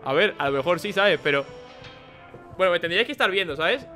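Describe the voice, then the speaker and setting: Excitable young Spanish man, high bright voice. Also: a little fast, faint music behind. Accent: Spain Spanish. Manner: excitable, chatty, laughs often, says "tío" a lot. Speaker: gaming YouTuber. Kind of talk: gameplay commentary.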